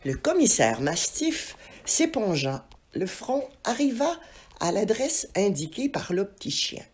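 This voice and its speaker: A woman narrating a children's storybook aloud with expressive delivery. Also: mid-range voice, takes it slowly, slight background noise. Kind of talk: storybook reading.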